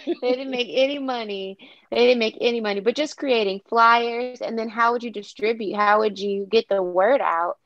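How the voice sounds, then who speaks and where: A woman's voice: fairly high pitch, normal speed, no room sound. Chatty woman on a muffled call. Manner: chatty, hesitant with fillers. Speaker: teacher. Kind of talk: book club discussion.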